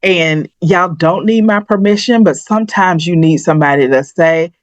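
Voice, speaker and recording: A middle-aged woman co-hosts a podcast, chatting candidly and personally while thinking aloud and restarting her sentences. Her voice is lowish and moderately paced. The podcast audio is dry and slightly dull.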